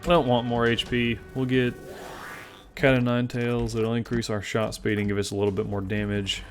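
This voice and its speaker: Soft music plays while a Southern-accented man in his twenties from Memphis, Tennessee, hosts his gaming channel. His mid-range voice keeps a level tone and moderate pace as he casually jokes at his own expense and rambles through his gameplay commentary.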